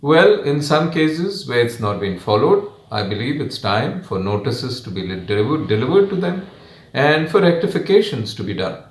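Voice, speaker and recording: A man with a Kannadiga Indian English accent, a native Kannada speaker, giving his opinion as a television guest in measured, emphatic phrases with frequent pauses. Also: medium pitch, very animated. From Karnataka, India. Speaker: guest commentator. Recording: roomy, echoing sound.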